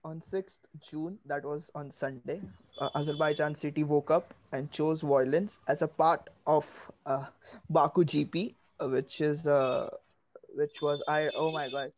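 Man chatting, slightly high voice. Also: steady tone, unhurried, no room sound, low-quality recording. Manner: exclamatory, repeats phrases. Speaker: motorsport podcast panelist. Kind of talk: casual chat.

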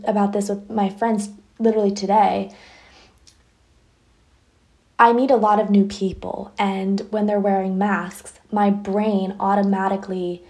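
A woman's voice: mid-range voice, a little mellow. A young woman hosting a podcast, telling a candid personal story in a chatty way full of fillers. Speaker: podcast host.

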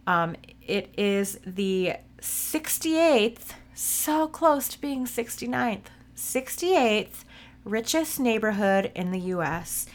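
Woman doing a casual story podcast, takes her time, kinda sweary and informal. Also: medium pitch. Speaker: podcast host.

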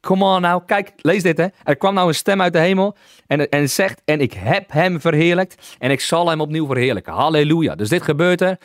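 A man's voice: on the high side, brisk, no room sound, studio quality. A man preaching an exuberant teaching sermon, often calling out halleluja and slipping in English phrases.

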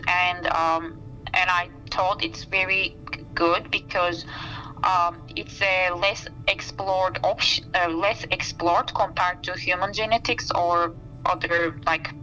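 Bright-voiced Turkish-accented woman researcher. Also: lowish voice, fairly even intonation, measured pace, faint music behind, rough recording. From Turkey. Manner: thoughtful, searching for words with frequent fillers. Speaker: researcher, interview guest. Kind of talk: casual interview talk. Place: outdoors by a campfire.

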